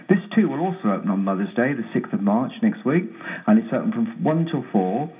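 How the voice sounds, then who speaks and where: A man phoning into a radio show from a bare, freshly decorated room, his voice echoing as if in a tunnel while he briskly reads out a list of details. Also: mid-range voice. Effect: echoey sound like a tunnel, from a freshly decorated bare room. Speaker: regular garden events contributor. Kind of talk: phoning in to a radio show, reading a listings roundup. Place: newly decorated empty home office. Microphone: telephone. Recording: tinny phone line, echoey room.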